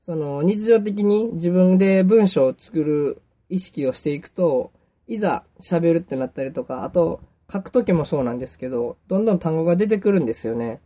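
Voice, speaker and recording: A young man with a Kansai accent, hosting a casual solo podcast and chatting in a relaxed way with lots of fillers. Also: a little high, normal speed. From Kansai, Japan. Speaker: podcast host.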